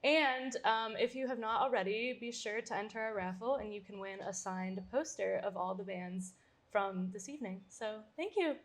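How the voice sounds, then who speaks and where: A woman's voice: medium pitch, moderate pace. A young woman hosting a live interview at a bar event, bubbly and enthusiastic. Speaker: host. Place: art bar event space.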